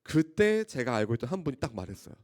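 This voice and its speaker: A man preaching a sermon as a youth pastor to high school students, telling stories with lively exclamations and questions to the audience. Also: quick pace. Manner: animated storytelling, often asking the audience questions; acts out scenes with loud exclamations.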